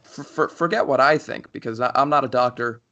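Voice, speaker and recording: A man's voice: medium pitch, fairly quick, bright, forceful tone. Rambling young man, dull lo-fi sound. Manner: rambling, many restarts and "like". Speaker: podcast co-host. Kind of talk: casual chat.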